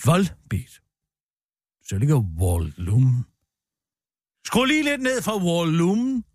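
This satirical radio comedy host lectures in a bombastic, mock-authoritative style, his fairly high voice leaping up and down and sounding very animated. The recording is dry and close on a studio mic, with no echo.

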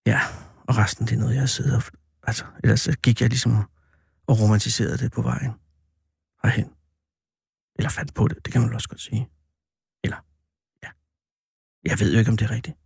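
A man hosting a show, telling a personal story in an animated, drawn-out way that turns hesitant, with many fillers. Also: medium pitch, creaky, husky, no room sound, studio quality. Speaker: radio host.

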